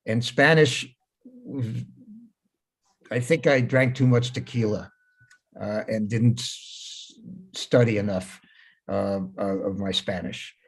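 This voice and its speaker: The same kind of casual video-call talk comes from a septuagenarian native Hebrew speaker who is wry and straightforward and repeats himself often. He talks slowly in a fairly low voice, pausing frequently.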